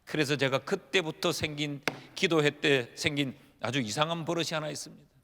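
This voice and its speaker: Higher-voiced pastor in a reverberant church. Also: male voice, fairly quick, a bit bright, slight background noise. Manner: humorous storytelling, acting out prayers in dialogue. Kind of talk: sermon. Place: church sanctuary. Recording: long reverb of a church hall.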